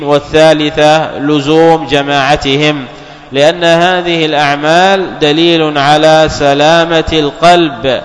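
A man giving a religious lesson, explaining texts in a measured way, repeating key phrases and half-chanting quotations. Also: a little high. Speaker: Islamic scholar teaching. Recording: long hall reverb.

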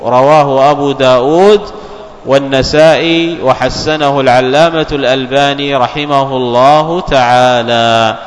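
A man giving a religious lesson, explaining texts in a measured way, repeating key phrases and half-chanting quotations. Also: mid-range voice, steady tone. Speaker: Islamic scholar teaching. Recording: long hall reverb.

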